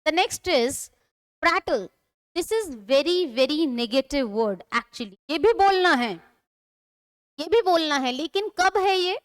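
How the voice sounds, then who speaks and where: High-voiced woman teaching at a slow pace. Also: lively intonation, dry recording, clean studio sound. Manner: explains slowly, repeats words and asks questions of the students. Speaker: English teacher. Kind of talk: classroom lesson in Hindi mixing English.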